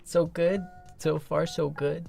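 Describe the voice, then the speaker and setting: A man hosting a casual livestream, rambling playfully with a slightly rough morning voice. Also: on the high side, flat delivery, takes it slowly, warm tone. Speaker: livestream host. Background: background music.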